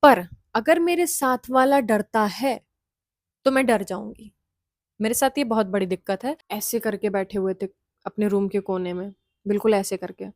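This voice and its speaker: A woman's voice: medium pitch, moderate pace, dry recording, clean studio sound. A young woman casually telling a hostel ghost story, chatty, slipping in English phrases and laughing often.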